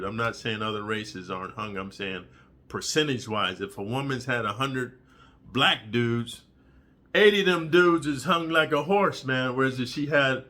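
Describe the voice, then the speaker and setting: A man tells a story in a loose, crude monologue with a bright, forceful tone at an ordinary pitch. He rambles and leans on "dude" and "bro", and now and then leaps into high, squeaky voices for the people he quotes.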